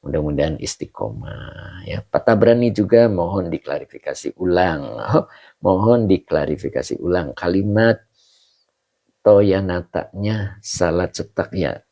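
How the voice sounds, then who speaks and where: Slow, deep-voiced ustadz teaching grammar live. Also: male voice, expressive, warm tone, lo-fi sound. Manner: slow, repeats terms, drawn-out Arabic words, many "nah, begitu ya". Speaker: ustadz teaching a live online study session. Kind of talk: kitab grammar lesson, live stream.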